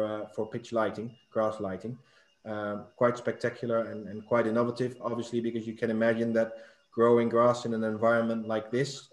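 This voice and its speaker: A man's voice: mid-range voice, reverberant. A middle-aged man hosting a live online talk show over a video call, with many fillers and repeated words. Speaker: host. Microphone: webcam on video call.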